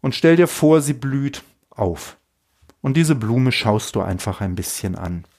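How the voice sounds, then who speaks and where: A man giving a calm spiritual lesson with guided reflection, unhurried and often adding a questioning "ne?" to his phrases. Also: medium pitch. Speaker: meditation teacher.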